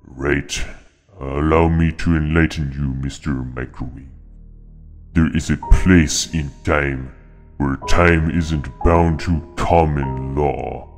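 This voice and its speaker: A man voicing a scheming male bear character delivering a slow, ominous monologue for a game. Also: rumbling low, fairly even intonation, soft background music, full character voice.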